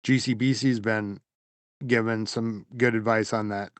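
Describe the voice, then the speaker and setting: A man's voice: fairly low pitch, unhurried, smooth, dry recording. Laid-back male podcast co-host, dry sound. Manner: relaxed, rambling, trails off softly. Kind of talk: casual chat.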